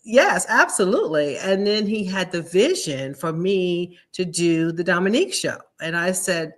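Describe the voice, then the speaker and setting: A woman host talking up business lessons in a lively, motivational way, tagging her points with "right?". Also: lowish voice, normal speed. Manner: upbeat, tags lines with "right?". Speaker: show host and business speaker.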